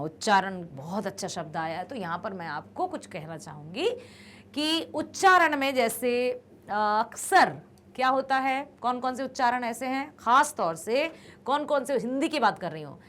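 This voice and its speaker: A woman teaching a grammar lesson, explaining patiently and repeating each word slowly. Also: fairly high pitch, lively intonation, a bit bright.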